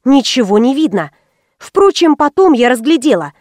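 A woman narrating an audiobook in the first person with wry, lively storytelling. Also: high voice, moderate pace, no room sound, studio quality.

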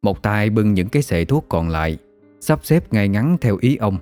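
A man, narrating a ghost story in a steady, measured way. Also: on the low side, faint music behind.

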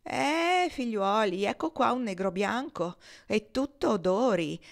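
A woman reading as a loud, jeering male buffoon in an audiobook, mocking and mimicking others with a raised, bright voice. He sounds playful and provocative, pitched higher and louder than the narration. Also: animated, unhurried, vocal fry.

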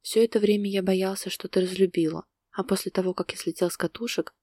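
A woman's voice: mid-range voice, steady tone, fast, warm tone, dry recording, clean studio sound, lightly acted. A woman reading the lines of a restrained man who is torn up with emotion, speaking tense and urgent in a storybook reading. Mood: tender. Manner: tense, urgent, speaking through gritted teeth. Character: distraught adult man, restrained but emotional lover.

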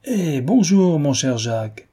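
A man voicing a jovial, loud middle-aged sugar refiner with a big, hearty voice, in a novel reading. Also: moderate pace, slightly rough. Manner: booming, bluff.

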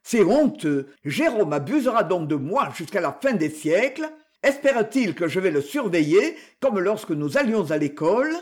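Male reader doing a lowered, gruff elder brother, stubborn and aggrieved, storybook reading. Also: big pitch swings, moderate pace. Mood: indignant.

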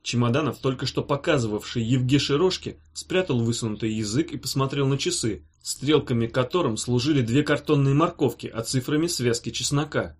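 A man reading a novel aloud in an even, measured narration. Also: medium pitch, slightly rough. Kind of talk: scripted narration.

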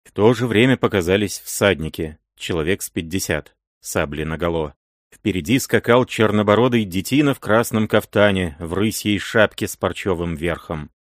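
Male audiobook narrator, measured, expressive, low voice, dry mic. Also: no echo. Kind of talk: classic novel reading.

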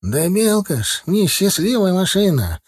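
An actor voicing a stubborn, superstitious young male combine operator who shouts and sulks. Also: high-pitched, big pitch swings, measured pace, breathy edge, voice pushed up, exaggerated voice. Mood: sulky, shouting. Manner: sulky, shouting.

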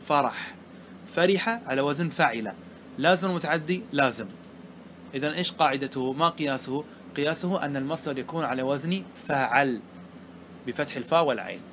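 A man's voice: on the high side, fairly bright tone, slight background noise. A man teaching Arabic grammar, patiently asking and answering his own questions as he explains a verse poem.

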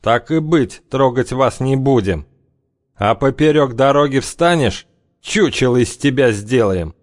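A man's voice: animated, unhurried, no room sound, clean studio sound, lightly acted. A man voicing a hardened, sinister gang leader who speaks in ominous, weary warnings. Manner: raised pitch, ominous warnings.

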